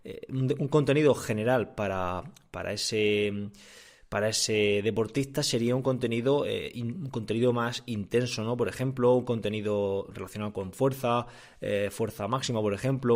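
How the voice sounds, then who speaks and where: A man speaking casually as a podcast host and coach, explaining things and often rephrasing as he goes. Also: medium pitch. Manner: conversational, often repeats and rephrases. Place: room indoors. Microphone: condenser microphone.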